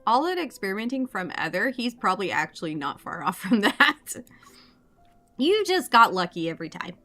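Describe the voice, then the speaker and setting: A woman's voice: mid-range voice, sing-song, moderate pace, sharp tone, soft background music. A woman with a Southern US accent, reading game dialogue aloud and chatting playfully, giggling and swearing as she trips over words. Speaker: game streamer. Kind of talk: casual gameplay commentary and reading dialogue aloud.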